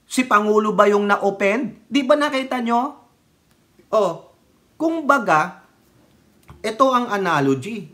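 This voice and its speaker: A middle-aged political commentator from the Philippines, speaking with fiery conviction and a steady stream of rhetorical questions. Between the jabs, the voice drops into a quieter, lower register for personal stories. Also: takes it slowly, pauses often.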